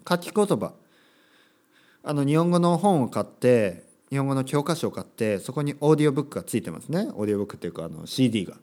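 Speaking fast at medium pitch, with wide pitch swings and a slightly mellow tone, this man runs a relaxed solo podcast for people learning Japanese. He muses aloud, adds tag words throughout his sentences, and performs brief example dialogues in a more energetic voice.

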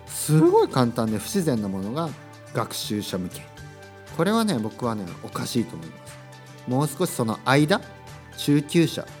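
A man hosting a casual solo podcast for learners. He thinks aloud and tags his sentences with little asides. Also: mid-range voice. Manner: thinks aloud, adds frequent tag words to sentences; acts out short sample dialogues in a livelier voice. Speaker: podcast host for Japanese learners.

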